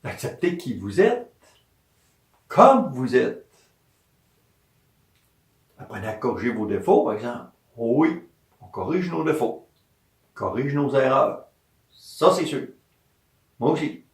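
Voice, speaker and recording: Slow and marked by long pauses, a mid-range male voice with a Quebec French accent leads an informal health talk. He's a massage therapist, animated, repeating his points and asking himself questions he then answers. An echoey room and distant mic shape the recording.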